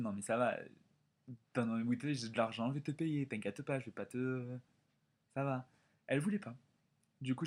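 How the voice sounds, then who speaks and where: A French vlogger in his twenties tells a story in a casual vlog, speaking with a French accent at a medium pitch. He's animated and chatty, packing in lots of quoted dialogue.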